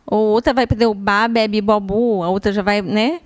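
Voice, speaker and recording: Measured woman educator. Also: mid-range voice, fairly even intonation. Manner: explanatory, measured, teacherly. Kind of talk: casual chat.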